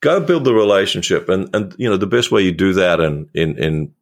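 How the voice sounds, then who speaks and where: A male podcast host in a relaxed interview, telling self-mocking stories and laughing often. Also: low-pitched, fairly quick, gravelly. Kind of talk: conversational storytelling.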